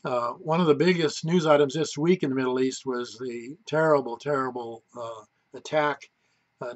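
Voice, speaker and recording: A man hosting a religious news commentary show with prayer, talking in a folksy, unhurried way with many "uh" fillers. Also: medium pitch. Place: home in Wake Forest, North Carolina. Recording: slightly dull lo-fi recording.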